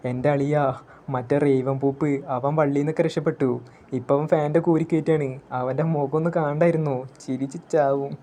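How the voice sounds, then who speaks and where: A man's voice: on the high side, fairly even intonation, a little fast, warm tone, a little hiss or hum, natural voice. A man voicing a cheerful, joking young man in a storybook recap, close to his own voice. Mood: amused.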